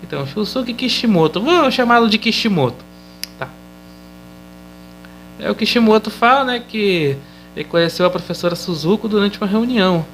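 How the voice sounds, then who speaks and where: A man's voice: sits high, expressive, moderate pace, pauses often, fairly bright tone, slight background noise, rough recording. A man with a Brazilian Portuguese accent casually recapping a TV episode, chatty and loose, often tagging his sentences with questioning fillers. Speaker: episode reviewer.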